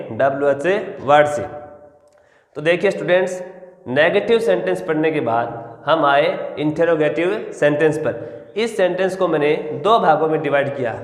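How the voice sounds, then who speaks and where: A man's voice: a little high, echoey room, big-room sound. A man teaching English grammar in Hindi, explaining step by step and answering his own questions. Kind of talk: classroom lesson.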